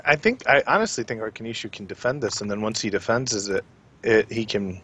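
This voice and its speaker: A man co-casting a strategy game, giving relaxed, chatty color commentary. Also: fairly low pitch, fast talker, husky. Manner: relaxed, chatty analysis with restarts. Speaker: esports co-caster.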